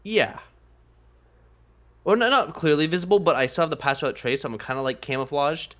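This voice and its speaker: A man's voice: on the high side, moderate pace, a bit bright. A man playing a tabletop game, describing his moves hesitantly with many fillers. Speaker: player. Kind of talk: casual tabletop game talk.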